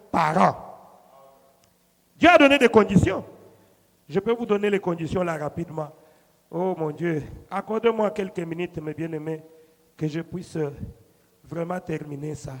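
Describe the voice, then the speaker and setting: Male pastor, high voice, sermon delivery with loud peaks and soft asides, big echoing church room. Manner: preaching that swings between loud emphatic cries and quiet murmured asides. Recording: long reverb of a large hall.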